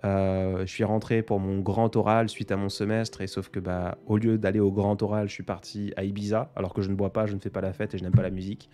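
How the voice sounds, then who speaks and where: This live stream host, a native French speaker in his 20s, answers viewer comments in an easygoing Q&A. He talks fairly quickly with few pauses in a lowish, mellow, level voice, rambling, hesitating, filling gaps and poking fun at himself.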